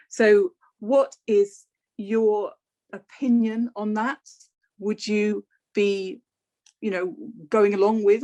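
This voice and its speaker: A woman's voice: mid-range voice, a little mellow. Woman moderating a local debate. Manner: hesitant, many fillers. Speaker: debate host.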